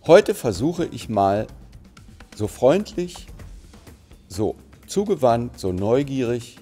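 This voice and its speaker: A man's voice: medium pitch, very animated, takes it slowly, warm tone, faint music behind. A middle-aged man from Berlin with a light Berlin accent, an actor answering interview questions to the camera, thoughtful and searching for words with many fillers and restarts. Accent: Berlin German. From Germany. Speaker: actor interviewed for a museum anniversary. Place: plain bright indoor studio. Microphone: seated, framed mid-shot to camera.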